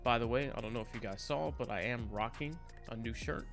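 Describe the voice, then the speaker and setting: A man's voice: medium pitch, fairly quick. A man hosting a casual live market stream, talking informally and directly to his viewers. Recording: music playing behind the voice. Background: background music.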